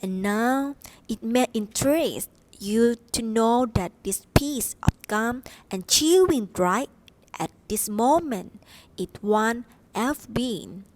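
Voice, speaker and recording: A boastful gum-chewing girl, played by a woman with a Thai accent, fairly high in pitch, bragging slowly and proudly. The delivery is unhurried and chatty. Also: expressive, no echo, low-quality recording. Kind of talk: student stage play.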